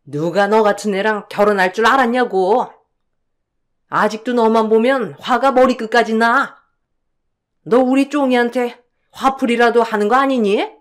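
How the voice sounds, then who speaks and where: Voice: mid-range voice, moderate pace, close to an everyday voice. A voice actor playing a sneering spiteful mother-in-law. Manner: sneering, scolding. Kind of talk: radio drama acting.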